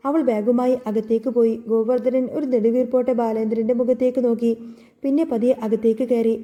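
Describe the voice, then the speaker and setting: A woman narrating a recap of a television serial as a steady, emotive story reading. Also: on the high side.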